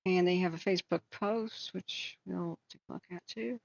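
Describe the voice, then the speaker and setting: A woman's voice: fairly low pitch, normal speed, creaky, no echo, highs cut off. A woman hosting a livestream with casual wildfire-tracking commentary, thinking aloud in a conversational way. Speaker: livestream host.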